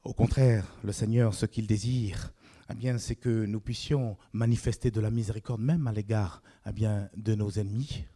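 A man preaching a sermon, animated, often rising high for emphasis, asking his listeners questions and filling pauses as he goes. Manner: frequent fillers "eh bien".

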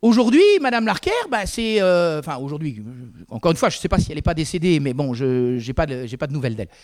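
A man's voice: fairly high pitch, animated, fast, darkish tone. A man preaching a sermon in a conversational way, with frequent asides to the congregation.

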